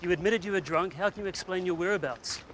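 A man's voice: high-pitched, fast talker, background noise. A male TV reporter persistently pressing a man with questions outdoors. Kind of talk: doorstep questioning and narration.

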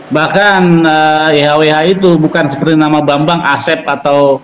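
A man's voice: a little high, steady tone, moderate pace, crowd noise, poor audio. A man explaining religion informally in a debate, didactic and emphatic, often repeating key phrases.

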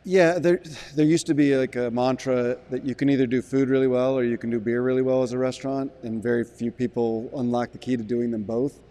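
Mellow-voiced man discussing his brewery. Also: mid-range voice, steady tone. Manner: measured, thoughtful, frequent restarts. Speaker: brewery sales director. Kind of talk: business interview. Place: brewery barrel room, indoors.

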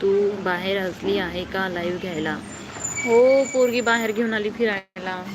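Young woman, casual live-stream chat, phone mic outdoors, clear street noise behind. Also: mid-range voice, steady tone, measured pace. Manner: reads comments aloud and answers viewers. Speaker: livestreamer reading viewer comments. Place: outdoors below a housing block at night.

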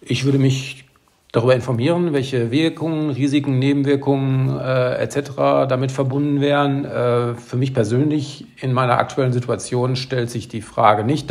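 A man's voice: mid-range voice, creaky. A man in his fifties, interviewed at home, answering hesitantly with many filler sounds. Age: 50s. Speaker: interviewee, father.

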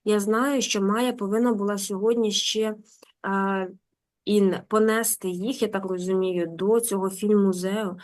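A woman's voice: medium pitch, fairly even intonation, a little mellow. Woman teacher reading and explaining. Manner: reads German slowly, then translates and explains in quick asides. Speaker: German teacher. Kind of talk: reading a German story aloud and translating for a class.

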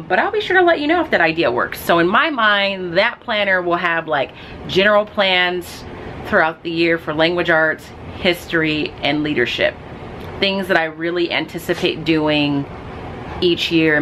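A woman's voice: on the low side, a bit bright, a little hiss or hum, poor audio. A woman teacher chatting casually in a daily vlog, rambling with lots of ums. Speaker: teacher and vlogger.

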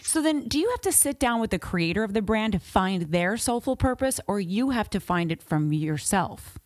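A woman's voice: mid-range voice, moderate pace, no room sound, studio quality. A middle-aged woman hosting a talk show, chatting candidly and animatedly with her guest. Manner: animated, candid, venting asides. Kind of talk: casual interview chat.

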